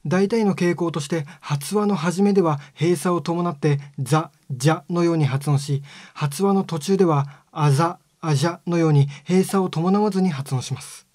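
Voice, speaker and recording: A man giving a scripted lesson on speech sounds, explaining step by step in a calm, polite way. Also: a little high, moderate pace, few pauses, dry recording, studio quality. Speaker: phonetics teacher.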